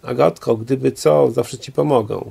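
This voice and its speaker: A man voicing a calm, controlled husband who speaks with careful politeness and hesitates. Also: mid-range voice, normal speed, gravelly, breathy edge. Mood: earnest, controlled. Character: calm, detached husband leaving home.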